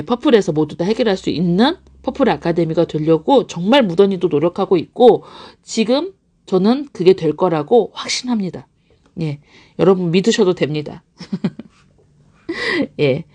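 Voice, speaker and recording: Lady hosting a live stream for parents, chatty and animated, pitch bouncing all over, laughs a lot. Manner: animated, laughs often, acts out examples. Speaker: English academy director hosting a live stream. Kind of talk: live-stream talk answering parents' questions.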